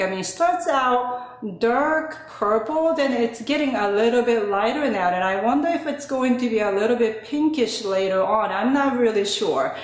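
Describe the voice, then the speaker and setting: A woman narrates a casual hobby update in a medium-pitched voice. She takes her time, with conversational, hesitant asides. The bare indoor room gives her voice a big, hall-like echo. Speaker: host of a home gardening video channel.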